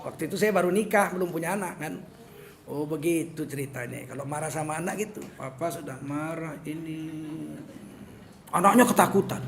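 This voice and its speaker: A middle-aged man with a Medan accent preaches in a high, bright voice, joking with the congregation and acting out small scenes as he goes. A faint room ambience sits behind him. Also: a little hiss or hum. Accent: Medan Indonesian. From Medan, North Sumatra. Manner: joking and animated, acting out little scenes in asides. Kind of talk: humorous sermon.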